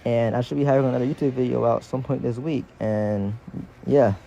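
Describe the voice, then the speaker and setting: A man's voice: mid-range voice, steady tone, a little fast, vocal fry, warm tone, highs cut off, slight background noise. A man giving a casual, slangy exercise tutorial as a fitness instructor, his speech slightly impeded by dental braces.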